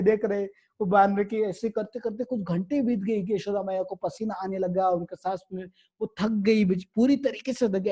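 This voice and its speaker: A male devotional storyteller with a high, soft and mellow voice. He retells the tale in a loose, repetitive way, stopping often to explain and check in with listeners. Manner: repetitive, explanatory, frequent asides.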